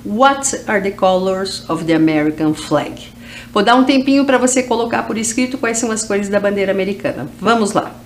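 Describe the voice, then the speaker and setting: A woman teaching English to schoolchildren on educational TV, with a Brazilian Portuguese accent, saying model phrases slowly for the class to repeat. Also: mid-range voice. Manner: slow, drawn-out model phrases for repetition.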